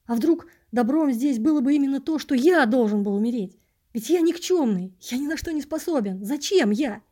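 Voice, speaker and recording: A woman's voice: mid-range voice, fairly even intonation, a little fast, warm tone, natural voice. A woman reading an audiobook, voicing a despairing, self-doubting young male wanderer with a raised, pleading voice. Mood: desperate.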